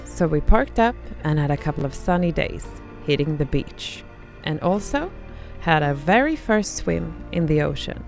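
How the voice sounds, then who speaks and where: Low, creaky woman narrating over music. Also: darkish tone. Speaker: vlog narrator. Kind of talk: scripted travel vlog narration.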